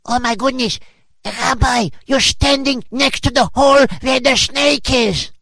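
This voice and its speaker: A performer voicing an excitable townsperson watching events unfold, exclaiming loudly. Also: deep voice, slow pace, gravelly, dry recording, exaggerated voice. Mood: excited.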